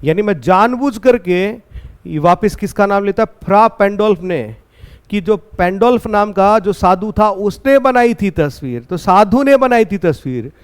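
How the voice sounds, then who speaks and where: High-voiced, slow-talking male teacher. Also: expressive, smooth. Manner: reads English lines slowly, then explains with rhetorical questions. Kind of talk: line-by-line poem explanation lesson.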